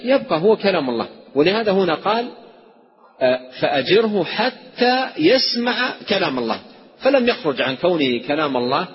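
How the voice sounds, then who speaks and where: A man teaching a creed text as a religious scholar, who explains by repeating key phrases and asking questions, then answering them. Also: a little high. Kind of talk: classroom lecture on theology. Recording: dull recording in a hall with long reverb.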